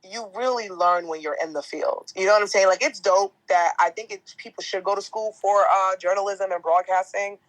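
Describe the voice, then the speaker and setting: On this podcast, a chatty young entertainment host with a deeper natural voice trades casual interview talk, full of slang, stories and frequent laughter. The audio is poor, though there's no echo.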